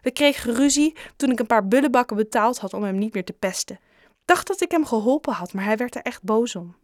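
A woman voicing an upset runaway boy in an audiobook, pitched up and defensive. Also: expressive, brisk, dry recording, studio quality, close to an everyday voice. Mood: remorseful. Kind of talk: audiobook character reading.

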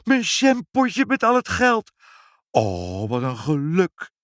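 A fussy, excitable shopkeeper from a children's storybook, his voice squeaking high and leaping all over the place, as a man reads him out. The recording is close and dry. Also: unhurried, no echo. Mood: excited. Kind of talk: children's audiobook reading.

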